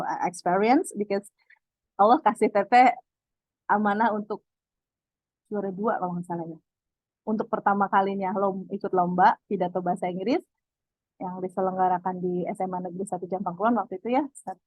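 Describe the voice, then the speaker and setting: A young woman teaching an online English class in a relaxed, chatty way, dropping English phrases into her speech. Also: medium pitch, dry recording, rough recording. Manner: chatty, mixes in English phrases, refers to herself as Teteh. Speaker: English tutor.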